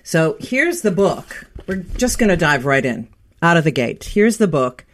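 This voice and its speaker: A woman's voice: sits low, very animated, a little slow. A woman hosting an interview show, introducing her guest in an earnest, heartfelt way with small restarts. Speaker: podcast host.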